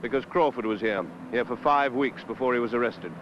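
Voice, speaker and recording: An actor playing a wry senior British detective in a 1970s television drama, speaking in a clipped, dryly authoritative way. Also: male voice, mid-range voice, a little fast, natural voice. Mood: brisk, probing. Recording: dull, noisy 1970s television location sound.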